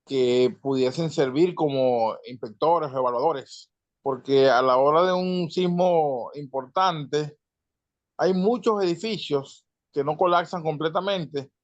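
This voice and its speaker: A man from Venezuela giving an earnest, measured comment in an online panel, pausing with fillers. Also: fairly high pitch, no room sound. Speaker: audience member asking. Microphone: video call. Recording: dull lo-fi video call audio.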